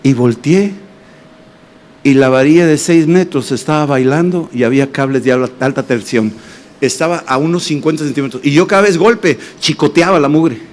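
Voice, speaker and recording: A man, a pastor, preaching a sermon and telling personal testimonies in an animated way with acted voices and sound effects. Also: a little high, moderate pace. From Mexico. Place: church congress hall.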